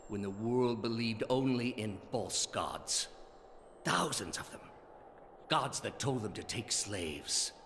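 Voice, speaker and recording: A weary immortal zealot, low-voiced. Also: male voice, fairly bright tone, a little hiss or hum, full character voice. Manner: weary, grave, oratorical, unyielding conviction. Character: weary ancient immortal villain, zealous servant of gods. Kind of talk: dramatic game voice acting.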